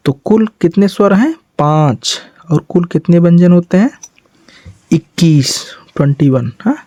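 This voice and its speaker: A man teaches a beginner lesson in a patient, repetitive way, checking in with the listener. His voice sits a little high and mellow. The sound is dry and close. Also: lively intonation, a little slow, no echo. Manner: patient, repeats points and asks the listener questions. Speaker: English teacher. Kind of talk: classroom-style explanation.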